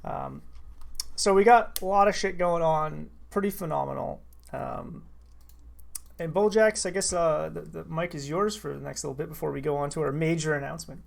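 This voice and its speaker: A man's voice: a little high, normal speed, gravelly. A man hosting a casual live-stream show, loose and joking, swearing freely.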